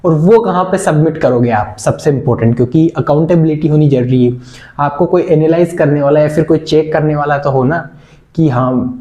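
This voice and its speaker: A man's voice: on the high side, warm tone. A young man teaching a casual online communication skills class, chatty and earnest, mixing English words into his speech. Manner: chatty, pleading, mixes English words into Hindi. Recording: echoey room.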